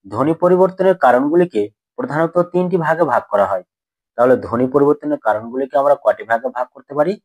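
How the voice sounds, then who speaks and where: Man, teacher type; slightly husky, steady middle pitch, dry recording; drills students with rhetorical questions. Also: dry recording, rough recording. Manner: asks questions then answers them himself, repeats key points. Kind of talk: grammar lesson for school students.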